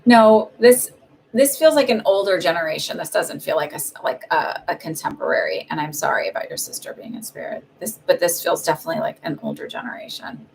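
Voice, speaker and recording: A woman's voice: fairly low pitch, a little fast, gravelly, a little mellow, a little hiss or hum, low-quality recording. A woman doing a live-streamed psychic reading, chatting casually and meandering with many fillers. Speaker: psychic reader.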